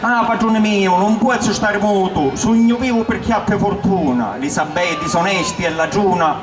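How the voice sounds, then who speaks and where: A man's voice: sits high, moderate pace, crowd noise, voice pushed up, natural voice. A frantic Sicilian servant, acted by a man reciting verse, laments disaster in a raised, pleading voice with a Sicilian accent. The voice comes from a distance in an echoing, noisy space. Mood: panicked lament. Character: frantic male servant bringing news of disaster. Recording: roomy echo, distant mic, clear background noise.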